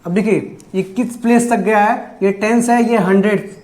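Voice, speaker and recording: High-voiced man teaching math. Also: fairly even intonation, moderate pace, darkish tone. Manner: asks questions and answers them himself, stresses each number; mixes English math terms into Hindi. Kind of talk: classroom math lesson.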